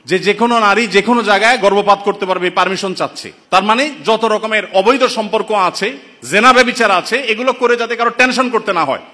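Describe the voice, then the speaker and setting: A Bangladeshi man preaches with indignant rhetorical questions, his voice high and bright with a sharp edge. He keeps calling out to his listeners as brothers, and a long reverberation trails each phrase as if in a big hall. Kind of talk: impassioned sermon-style commentary.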